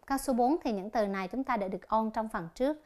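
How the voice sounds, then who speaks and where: A woman teaching an English lesson on television, slowly explaining each exercise and reading the answer options aloud. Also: a little high, darkish tone.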